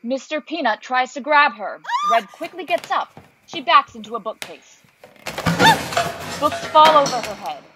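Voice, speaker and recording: Slightly high-voiced woman narrator. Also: expressive, unhurried, heavy background noise. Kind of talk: scripted stage-direction narration.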